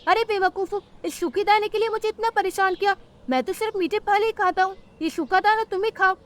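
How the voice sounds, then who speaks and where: A woman's voice: extremely high pitch, fairly quick, pitched above the performer's own voice. A woman voicing a brash, bullying young male crow in a cartoon who talks rudely and boastfully. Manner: rude and boastful.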